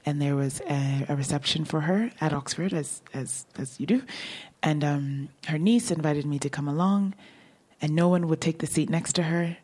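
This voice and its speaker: The novelist's voice is low-pitched, somewhat husky and a bit mellow, moving at a moderate pace. She's at a book talk, discussing her writing informally and answering the audience's questions with plenty of laughter.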